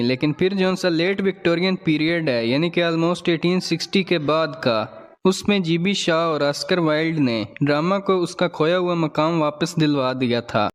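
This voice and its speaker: A man lecturing in a steady, explanatory way, defining each term and then restating it in simpler words. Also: a little high. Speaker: teacher. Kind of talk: scripted lecture narration.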